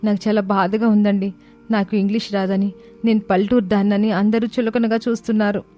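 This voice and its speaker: A woman voicing a polite, earnest young village daughter-in-law in a cartoon, speaking softly and respectfully. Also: mid-range voice, level tone, fairly quick, soft background music, lightly acted. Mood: sad. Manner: soft-spoken and respectful. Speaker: voice actor. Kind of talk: cartoon voice acting.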